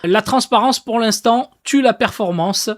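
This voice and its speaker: A woman's voice: on the high side, a little slow. A woman giving a casual explainer about AI, talking emphatically and directly to viewers with lots of fillers. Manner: emphatic, animated with fillers like "du coup" and "bah"; addresses viewers directly and informally. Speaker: AI content creator.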